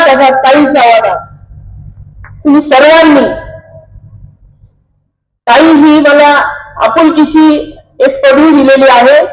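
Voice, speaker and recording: High-voiced woman giving an echoey rally speech. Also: a little hiss or hum. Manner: emphatic, repetitive oratory with rhetorical pauses.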